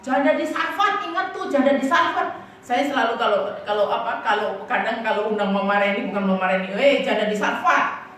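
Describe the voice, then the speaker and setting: A woman pastor preaching in a lively, chatty way, telling personal stories and often asking the congregation to agree. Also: a little high, brisk, a little hiss or hum. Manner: lively storytelling, keeps asking the congregation "right?"; casual and chatty, often laughing as she tells stories. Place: church. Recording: echoey church hall from a distant mic.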